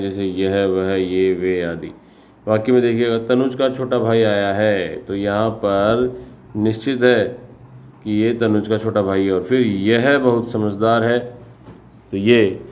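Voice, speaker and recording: A man teaching a grammar lesson, explaining patiently with examples and pausing to restate and correct himself. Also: on the low side, mellow. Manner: speaks with repetitions and self-corrections. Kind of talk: classroom-style grammar lesson.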